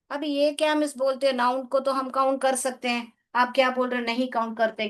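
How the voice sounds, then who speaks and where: A woman English teacher from India giving a live online class in Hindi, coaxing her pupils, asking them questions and calling them "beta". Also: high voice. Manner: coaxing, calls students "beta", asks questions.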